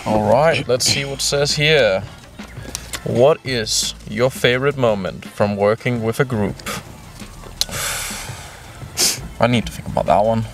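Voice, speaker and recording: A young native Danish speaker from Denmark, a volunteer, chats casually in a group, hesitant and full of fillers. His mid-range voice is slow with long pauses, and soft music plays in the background.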